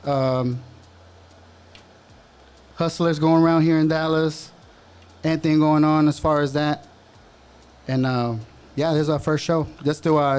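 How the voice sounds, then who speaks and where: A man's voice: fairly high pitch, a little hiss or hum. A man from El Salvador in his thirties co-hosting a casual sports podcast, chatty and teasing. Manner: laid-back, chatty, teasing. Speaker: podcast co-host.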